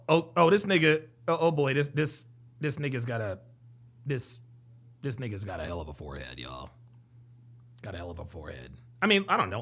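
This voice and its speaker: This streamer's voice is a little high and creaky, with a pushed, bright sound. Reacting live to a dating show clip, he jokes around and repeats himself as he reads out comments from viewers.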